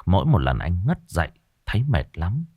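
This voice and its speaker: A man tells a ghost story in a dramatic, expressive way. His voice is low, but it rises and falls with great animation. The recording is dry and close. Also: moderate pace, breathy edge, no echo, dull audio.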